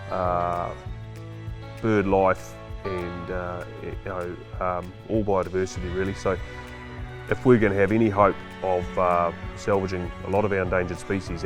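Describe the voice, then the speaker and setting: A male farmer with a broad New Zealand Kiwi accent, explaining things casually in a matter-of-fact, laconic way. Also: low voice. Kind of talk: casual explanatory talk to camera.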